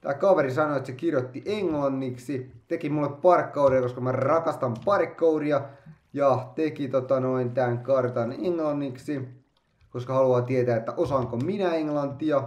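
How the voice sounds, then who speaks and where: A man giving playful, excitable let's-play commentary, chattering to himself and making silly sound effects as he plays. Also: medium pitch, roomy sound, muffled recording. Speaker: gaming YouTuber.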